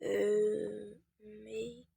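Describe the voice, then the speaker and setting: Teen girl, casual tutorial host, slow and hesitant, mellow voice, dry close mic. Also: mid-range voice, monotone, vocal fry, slightly rough, dry recording. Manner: hesitant, many "euh" fillers, talks while searching. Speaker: game tutorial creator. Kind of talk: casual screen-recorded tutorial.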